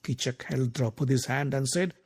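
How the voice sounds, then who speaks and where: A man narrating a scripted storybook tale, swelling dramatically on action and going hushed on quiet moments. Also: mid-range voice, normal speed, breathy edge.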